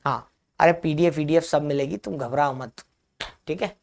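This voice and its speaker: A male teacher runs a live online grammar class. He answers viewers' comments in a reassuring tone and dictates definitions slowly, repeating each phrase. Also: a little high, gravelly, a little hiss or hum.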